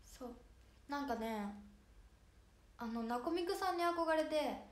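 High-voiced Hiroshima-dialect woman streaming. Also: lively intonation, slow. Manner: chatty, greets and thanks viewers by name. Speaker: idol livestream host. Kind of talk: casual livestream chat. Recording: echoey room with faint music.

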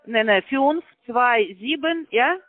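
Speaking German with non-native grammar, a man on a call-center line echoes back everything he hears, his high voice slow, careful and halting. The phone makes the sound tinny and dry, and there is no room sound.

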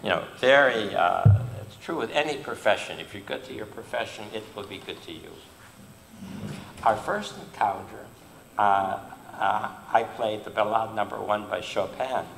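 A man's voice: on the low side, creaky, a bit bright, slight background noise. Older man lecturing in an echoey hall. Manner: earnest storytelling with emphatic pauses. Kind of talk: storytelling lecture.

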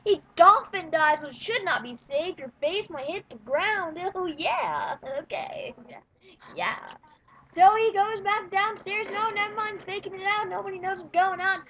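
A woman giving casual, rambling play-by-play commentary on a match, with quick sarcastic asides. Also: very high-pitched, pushed and bright. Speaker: gameplay commentator.

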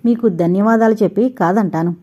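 A woman voices a stubborn young man in a storybook audio novel, proud and quick to anger. His replies are curt and clipped, and the tone stays mellow and dark. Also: medium pitch, close to an everyday voice. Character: proud, hot-tempered young man, ex-convict.

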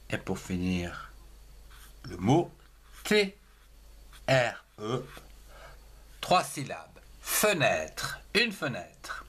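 A man giving a slow handwriting lesson for young children, spelling words letter by letter and syllable by syllable. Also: mid-range voice, a bit bright, breathy edge. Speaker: teacher.

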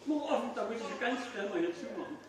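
An older man works as a kids' party magician with a high, swooping voice and playful, questioning show patter. He is recorded from a distance in an echoey indoor room. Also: expressive, fast talker, crowd noise. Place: indoors, small restaurant-like room. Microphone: distant phone camera in the audience. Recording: echoey room, far from mic, faint noise.

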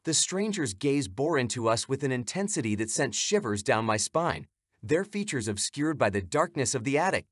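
A man narrates a horror story in a dramatic, suspenseful manner, his pitch rising and falling with lively animation. The recording is close and dry, with no room sound. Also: normal speed, no echo. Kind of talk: scripted narration.

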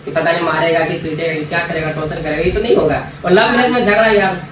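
A man chatting at home in a relaxed way, explaining his views at length. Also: on the high side, fast talker, distant mic, crowd noise. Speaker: YouTuber being visited. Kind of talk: casual chat. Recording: echoey room, off-mic, noisy.

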